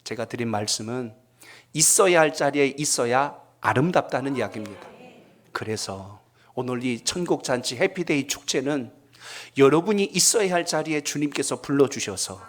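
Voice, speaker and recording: Middle-aged pastor telling stories. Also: male voice, medium pitch, lively intonation, moderate pace. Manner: storytelling, asking the congregation questions. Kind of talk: sermon.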